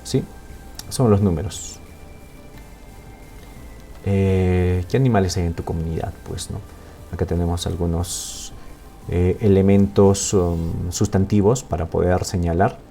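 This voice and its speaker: A man teaching a Quechua language lesson in Spanish with a Peruvian accent, explaining slowly and checking in often with "¿no?" and "¿sí?". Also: sits low, steady tone, mellow, soft background music. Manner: slow, explaining with frequent "¿no?" and "¿sí?" checks.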